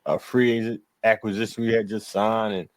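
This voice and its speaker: Male podcast co-host, lower voice, crude trash-talking sports banter. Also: flat delivery, brisk, no echo. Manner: profane, laughing, trash-talking. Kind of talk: casual sports chat.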